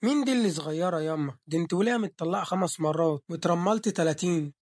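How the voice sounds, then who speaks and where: Brief: man playing jealous egyptian husband, gruff and teasing, quick and high-ish, for an audio novel. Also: darkish tone, no room sound, clean studio sound, close to an everyday voice. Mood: stern. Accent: Egyptian Arabic. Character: bossy jealous young husband.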